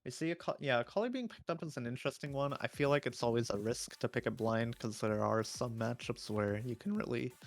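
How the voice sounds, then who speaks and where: Man commentating, voice going hoarse. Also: medium pitch, a little fast, few pauses, no room sound. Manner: chatty, opinionated, many fillers. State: losing his voice. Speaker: esports analyst. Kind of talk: live esports draft commentary.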